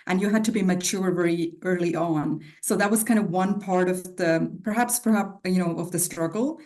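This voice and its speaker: A woman's voice: fairly low pitch, moderate pace, darkish tone. A woman raised in Switzerland, a podcast guest, speaking in a reflective, casual way with many fillers. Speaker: guest, non-profit CEO. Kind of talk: casual interview talk.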